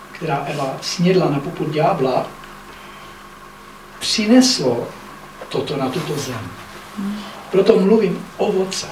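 A man with a high voice preaches an earnest sermon, stopping often to ask his congregation whether they follow. His voice rings through an echoey hall, picked up from some distance, with a faint hum of room noise behind it. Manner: earnest, often checks in with listeners. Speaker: pastor. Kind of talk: sermon with scripture reading. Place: church hall.

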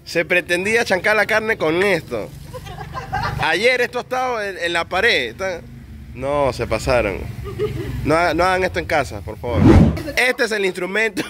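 A man with a high voice, big pitch swings, and a moderate pace hosts a casual food vlog in a very noisy setting. Speaking with a Peruvian Spanish accent, he's playful and colloquial, chatting about cooking straight to his viewers.

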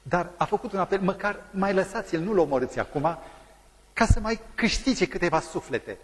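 A man's voice: high-pitched, husky, in a large hall. A male pastor preaching a sermon, telling a story dramatically and acting out the people in it.

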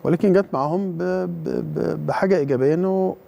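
A fast-talking Egyptian man with an Egyptian Arabic accent analyses a football match in a TV studio. His voice is slightly high and gravelly, with a dark, mellow tone, and he keeps restarting words and padding with fillers. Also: a little hiss or hum. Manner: hesitant, many fillers and restarts.

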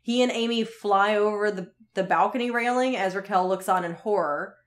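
A woman co-hosting a podcast, casually recapping a TV episode with animated retelling and frequent laughter. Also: medium pitch, moderate pace. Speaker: podcast co-host.

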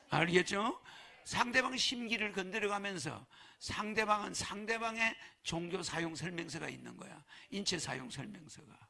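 A man's voice: high voice, vocal fry, sharp tone, slightly rough. A man preaching to followers in a folksy way, chuckling and throwing rhetorical questions at them. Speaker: religious leader addressing followers. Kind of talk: sermon.

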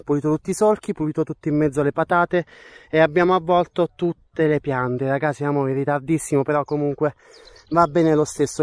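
Enthusiastic man vlogging. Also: fairly high pitch. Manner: enthusiastic, chatty, addresses viewers as "raga". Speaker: vlogger farming in the countryside. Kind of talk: casual vlog talk to camera. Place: outdoors on a farm plot and in a small rural room. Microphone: wide-angle action camera held or worn.

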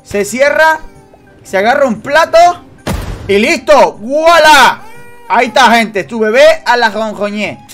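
A man commentating a horror game for his viewers, joking and teasing, dropping to hushed suspense and then bursting into shrieks. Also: very high-pitched, measured pace, soft background music. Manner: swings between hushed suspense and sudden loud shrieks. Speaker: gaming youtuber. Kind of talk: excited let's-play commentary.

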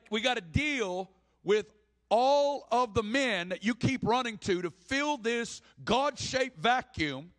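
A man's voice: sits high, fairly bright tone. A man preaching a sermon with passion, acting out the people in the story he tells. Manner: impassioned, acts out the people in the story.

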